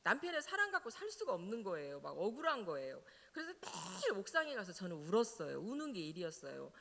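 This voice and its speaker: A middle-aged woman pastor, telling her own story in a sermon as an animated storyteller who laughs now and then. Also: medium pitch, fast talker, creaky. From Jeolla, South Korea. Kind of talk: personal testimony in a sermon. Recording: reverberant church hall.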